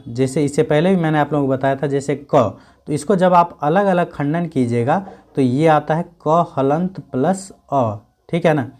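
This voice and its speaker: A man's voice: a little high, a little mellow. Man teaching, answering his own questions. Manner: asks questions and answers them himself; repeats key points with frequent check-ins. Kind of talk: classroom grammar lesson.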